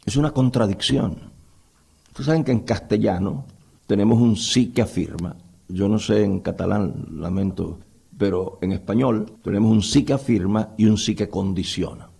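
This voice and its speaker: Gravelly-voiced man giving a Bible lecture. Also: on the low side, normal speed, dark tone. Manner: conversational, addresses listeners with rhetorical questions. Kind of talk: doctrinal lecture to a live audience.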